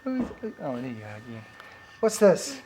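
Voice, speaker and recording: A man's voice: fairly high pitch, huge pitch swings, normal speed, noisy background. An older man, playfully reading picture books to a toddler at home, with teasing questions and animal noises.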